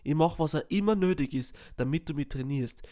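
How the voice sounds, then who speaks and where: A man's voice: on the high side, a little fast, warm tone, natural voice. A man with an Austrian accent voicing an eager, naive young fighter hero in a parody fan dub. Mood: earnest. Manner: earnest, eager.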